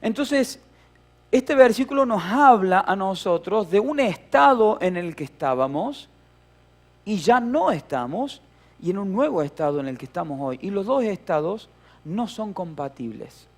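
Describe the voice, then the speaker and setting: Telling a story from his childhood during a sermon, a middle-aged pastor with a Rioplatense Spanish accent uses playful humor and acted-out voices. He speaks unhurriedly in a high-pitched voice with lively intonation.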